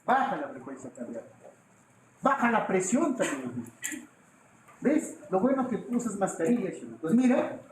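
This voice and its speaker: A man teaching an anatomy class, joking and quizzing his students with quick questions. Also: sits high, a little hiss or hum. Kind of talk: classroom lecture with jokes. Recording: echoey classroom with faint ambience.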